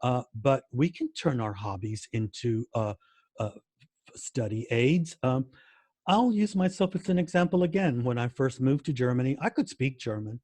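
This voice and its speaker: A man's voice: mid-range voice, expressive, moderate pace, a little mellow, dry recording. An American man answering interview questions in a casual way, with many fillers and restarts and words repeated for emphasis. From United States. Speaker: guest language educator.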